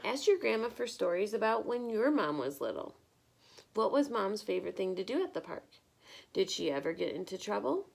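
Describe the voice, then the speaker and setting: This teacher-style reading of a picture book comes from a woman with a medium pitch and some vocal fry, who stays expressive and encouraging while breaking off to ask young listeners questions. The audio quality is poor.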